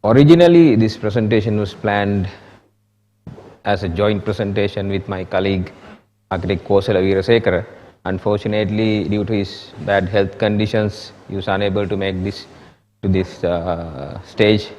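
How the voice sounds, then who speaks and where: A man with a Sri Lankan accent giving a conference presentation as an architect, with halting, loosely worded delivery. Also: lowish voice, fairly even intonation, darkish tone, muffled recording, slight background noise. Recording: echoey hall with long reverb.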